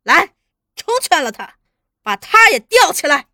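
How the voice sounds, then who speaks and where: A woman voicing a scheming, cruel male officer who mocks and threatens, barking orders loudly. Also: on the high side, animated, unhurried, no room sound, studio quality. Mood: menacing. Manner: mocking, threatening, loud barked orders.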